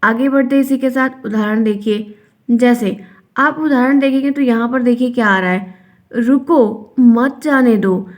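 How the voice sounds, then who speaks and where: Young woman teacher, fairly high voice, goes over each point twice, online class. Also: normal speed. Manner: explains by repeating, acts out example sentences. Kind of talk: online Hindi grammar lesson.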